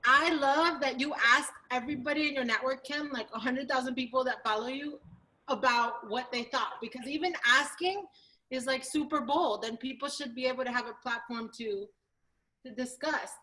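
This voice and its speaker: A woman chatting on a video call during an online cooking class, animated, dropping Spanish phrases in. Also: high voice, normal speed, rough recording. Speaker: class participant and panelist. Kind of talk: casual chat.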